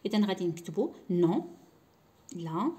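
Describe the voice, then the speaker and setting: A woman teacher with a Moroccan Arabic accent gives a school lesson. She talks slowly and repeats words to model how they are said. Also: on the low side, sing-song, dark tone.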